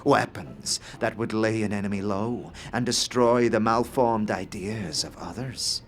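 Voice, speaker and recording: In a fantasy audio drama, a man plays a wild-eyed, eccentric inventor of middle age. His lowish voice sounds boastful and intense, and he speaks grandly and cryptically, leaving theatrical pauses.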